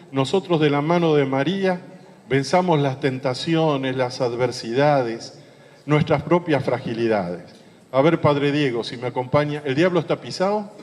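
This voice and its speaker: A priest tells a humorous anecdote during a sermon, adding playful asides to his listeners. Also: fairly high pitch. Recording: long hall reverb.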